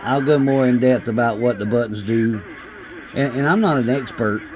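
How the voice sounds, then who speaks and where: This man speaks with a Southern US accent in a mid-range voice at normal speed, hosting a casual video chat for fellow CB radio fans. He's hesitant and folksy, often repeating himself, heard through a muffled recording with clear radio noise underneath.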